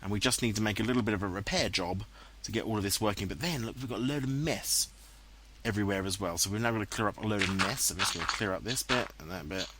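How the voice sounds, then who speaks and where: Over his gameplay footage, a man with an English accent offers casual, self-deprecating remarks in a fairly low, slightly rough voice with a fairly bright tone and a quick pace. The let's play voice-over was recorded afterward at home through a headset and dubbed in post.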